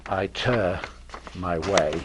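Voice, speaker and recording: A man giving an informal university math lecture, pausing often with ums and uhs and adding dry humor. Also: low voice, heavy background noise. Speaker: mathematics professor lecturing. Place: lecture room with audience.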